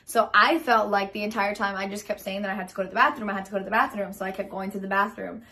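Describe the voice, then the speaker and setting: A woman's voice: mid-range voice, steady tone, fast talker, pushed and bright. A young woman casually telling a personal story in a chatty, rambling way, full of fillers, acting out what she said. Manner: chatty and rambling, full of ums and likes, acts out her own lines. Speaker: vlogger telling her birth story.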